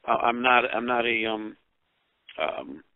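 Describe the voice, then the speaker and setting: An American man speaking over the phone as a musician giving casual interview answers, rambling and pausing often. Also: mid-range voice, expressive, smooth, dry recording. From Utica, New York, United States. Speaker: rock band musician and songwriter being interviewed. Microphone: telephone. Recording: dull, narrow-band phone line.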